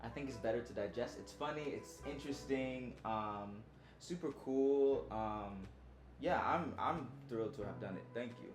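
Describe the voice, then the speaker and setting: A man chatting casually as a guest, pausing haltingly between phrases. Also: mid-range voice. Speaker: actor guest on the show. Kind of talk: casual chat. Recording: roomy echo, music behind.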